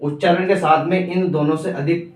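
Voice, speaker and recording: A man with a slightly high voice teaches an exam-prep grammar lesson, putting questions to the class and then answering them himself. He stands away from the mic, so his voice sounds thin and distant. The room echoes a great deal. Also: fairly even intonation, normal speed. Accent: Indian Hindi.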